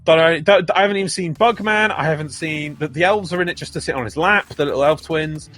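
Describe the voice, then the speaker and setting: A man co-hosting a casual anime review podcast, ranting in an animated, exasperated way. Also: a little high, fast talker. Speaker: podcast co-host.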